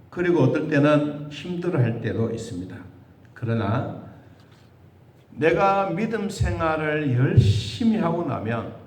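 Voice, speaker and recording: A man preaching a sermon as pastor, asking rhetorical questions and acting out the voices he quotes. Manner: animated, with sudden high jumps in pitch and rhetorical questions. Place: church sanctuary. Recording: echoey church hall.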